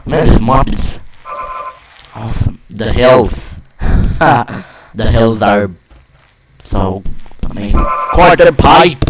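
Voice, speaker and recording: Brief: young man, let's play commentator, loud and foul-mouthed, shrieks at failures, slow delivery, noisy home mic. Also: lowish voice. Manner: loud, profane, yelps and shouts at in-game mishaps. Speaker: gaming channel host. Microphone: desk microphone.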